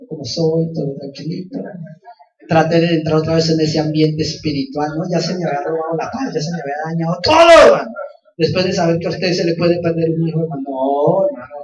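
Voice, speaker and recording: Male pastor, high voice, impassioned testimony sermon, roomy, dull church sound. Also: distant mic. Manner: impassioned, repeats phrases and keeps calling out to his listeners.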